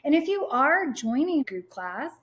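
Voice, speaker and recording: A woman's voice: sits high, sing-song, unhurried, a bit bright. A woman who is a Pilates instructor, a guest in casual chat, upbeat and peppering her talk with "like" and "right?". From United States.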